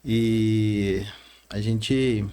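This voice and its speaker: A man in his thirties with a Rondônia Brazilian accent, a bank manager chatting as a podcast guest, earnest and halting, tagging lines with "né?". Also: on the low side, fairly even intonation, mellow, smooth. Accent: Rondônia Brazilian Portuguese. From Bahia, Brazil, raised in Rondônia. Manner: earnest, frequent "né?" tags, halting restarts. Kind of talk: casual interview talk.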